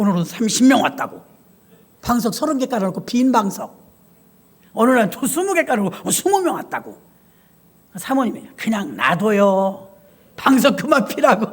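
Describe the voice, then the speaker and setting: A woman's voice: on the high side, slightly rough. A middle-aged Korean-church woman pastor delivers a sermon as a string of anecdotes. She narrates in a conversational way and slips into the voices of the people she quotes. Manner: animated storyteller acting out voices. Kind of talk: sermon with storytelling.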